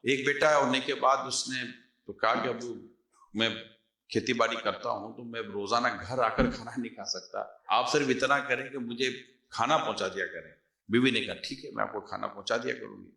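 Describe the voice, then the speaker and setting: A male preacher telling a moral story in a sermon, animated, acting out the characters and mixing in English words. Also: medium pitch. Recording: roomy echo.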